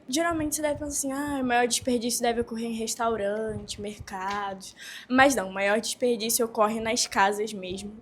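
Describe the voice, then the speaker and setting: Teen girl from Brazil, student presenter, informal, slightly high voice, faint room noise. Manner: informal, many fillers like "tipo". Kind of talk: classroom presentation.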